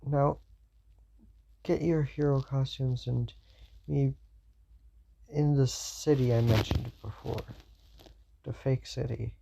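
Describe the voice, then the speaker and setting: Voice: mid-range voice, fairly even intonation, slow pace, vocal fry, pauses often, background noise. Someone doing All Might, a loose heroic teacher. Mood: announcing. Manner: loose, improvised, fumbles words. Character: big booming adult male superhero teacher.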